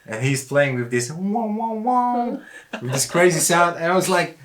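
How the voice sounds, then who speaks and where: In a music studio with music playing behind him, a male producer walks through a track in a casual tutorial, his informal phrasing slightly non-native. His voice is fairly high and fairly bright, swinging widely in pitch at a moderate pace.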